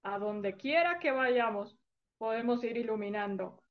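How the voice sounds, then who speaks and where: A woman's voice: on the high side, animated, a little slow. A woman telling a story to children, exclaiming with delight along the way. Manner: warm, exclaiming often with sighs of delight. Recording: dull lo-fi recording.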